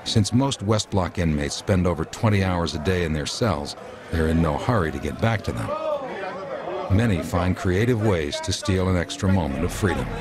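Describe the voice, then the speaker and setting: Deep-voiced American man, measured documentary narrator. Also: animated. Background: music.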